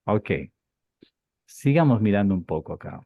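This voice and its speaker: Animated male Bible teacher, lo-fi. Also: lowish voice, normal speed, no room sound. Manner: animated, rhetorical questions and repetition. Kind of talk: class lecture. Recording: dull lo-fi dry recording.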